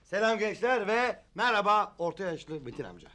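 A man's voice: high voice, very animated, normal speed, pushed and bright, full character voice. An actor playing a cheeky, teasing young man in a sitcom, playful and mischievous. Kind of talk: sitcom acting.

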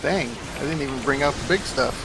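A man's voice: medium pitch, fairly quick, rough recording. A man chatting casually with friends while gaming and teasing the others. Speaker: friend in the game group.

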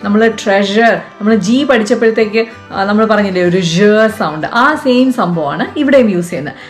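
A woman's voice: mid-range voice, normal speed, soft background music. A woman with a Malayali accent hosting a casual lesson for children, chatty and coaxing, asking the viewer questions. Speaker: vlog host teaching French to kids.

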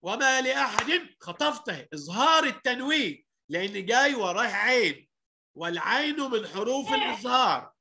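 A man with an Egyptian accent teaching children Quran recitation over a video call, explaining rules and reciting verses slowly with stretched sounds. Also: high-pitched, very animated, bright, forceful tone. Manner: coaxing questions to children, calls them heroes.

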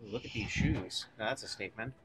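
A man's voice: on the low side, fast, heavy background noise. A man co-hosting a vlog, making dry joking asides while browsing a shop. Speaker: vlog co-host, reseller. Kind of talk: casual chat while browsing.

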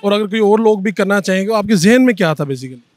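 A young man, hosting a brisk street interview outdoors with a handheld mic. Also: high-pitched, expressive. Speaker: interviewer and anchor. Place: busy city street outdoors.

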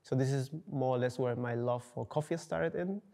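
A young Peruvian coffee entrepreneur answers interview questions casually, searching for words and using many fillers. His mid-range voice is creaky and dark-toned, at a normal speed. He's indoors in a dark studio.

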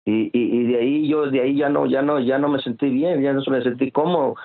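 Male interview guest, rough, creaky voice, stop-start storytelling, phone-quality audio. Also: medium pitch, steady tone. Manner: halting, repeats and restarts words often. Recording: tinny phone-like line.

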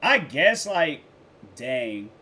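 A man's voice: on the high side, sing-song, very slow, sharp tone, breathy edge. A young American man giving casual, rambling reaction commentary on a video. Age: young adult. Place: small indoor room, headset on.

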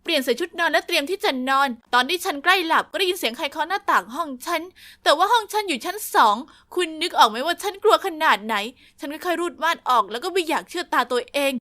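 A woman narrating a first-person story, lively and confiding, speaking straight to the listener. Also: very high-pitched.

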